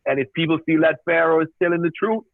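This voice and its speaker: A man's voice: fairly high pitch, fast talker, creaky, dry recording. A man calling in to a talk show, joking and deferential as he asks his questions. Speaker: caller. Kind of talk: casual call-in talk. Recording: tinny phone line.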